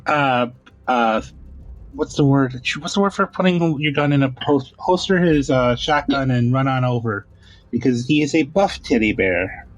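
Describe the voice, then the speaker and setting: A man's voice: medium pitch, normal speed, dry recording, low-quality recording. A man playing a tabletop game who hesitates and searches for words as he speaks. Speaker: player. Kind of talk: casual tabletop play.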